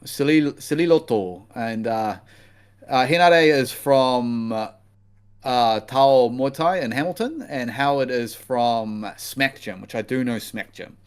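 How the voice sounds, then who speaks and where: Podcast co-host, male, broad Kiwi accent, relaxed slangy delivery, casual fight-preview chat. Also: medium pitch, slow pace, clear, resonant tone. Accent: broad New Zealand. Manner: laid-back, slangy.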